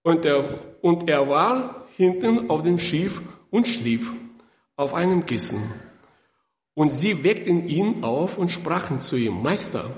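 High-voiced, slow-talking preacher in a hall. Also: male voice, lively intonation. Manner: emphatic, repeats words, stumbles. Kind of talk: sermon with Bible reading.

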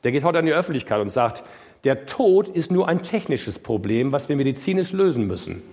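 Man, preacher, sermon, lively swinging pitch, long hall reverb. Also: brisk. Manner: emphatic, swings from loud high outbursts to low quiet asides; addresses listeners directly with rhetorical questions.

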